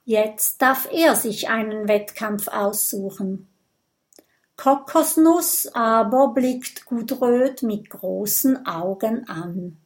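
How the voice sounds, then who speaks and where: Slow, calm woman reading a children's story. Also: fairly high pitch. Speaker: audiobook narrator.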